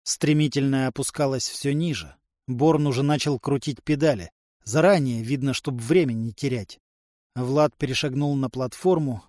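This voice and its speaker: A man's voice: darkish tone, no echo, studio quality. A man narrating an audiobook, lifting his voice for the characters' dialogue. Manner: voices characters by raising pitch. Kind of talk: scripted narration.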